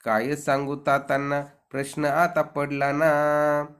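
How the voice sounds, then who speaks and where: A man's voice: monotone, a bit bright, smooth. A man voicing a young princess girl, pleading and anxious, in a raised voice. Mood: tearful. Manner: pleading, high and rushed.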